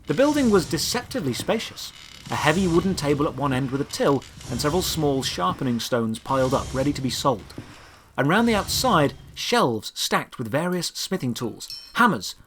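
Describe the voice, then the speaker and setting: Narrating his own audio drama, a man tells a scripted first-person adventure against outdoor ambience. He sounds fairly high and a bit bright, sing-song at normal speed, with a little hiss or hum present.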